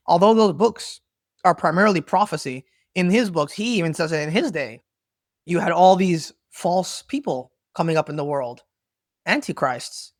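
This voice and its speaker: A man's voice: fairly high pitch, no echo, clean studio sound. A man giving unscripted Bible teaching, rambling and correcting himself, often checking in with "right?".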